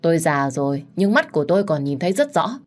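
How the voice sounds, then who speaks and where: A woman voicing a stern, sharp-eyed elderly grandmother who scolds firmly. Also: sits low, sing-song, quick pace.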